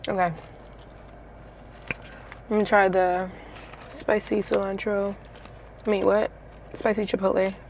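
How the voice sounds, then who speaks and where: A woman's voice: mid-range voice, level tone, slow pace, pauses often, slight background noise. Chatty young woman vlogging from a car. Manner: chatty, slangy, laughs often. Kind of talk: casual vlog chat.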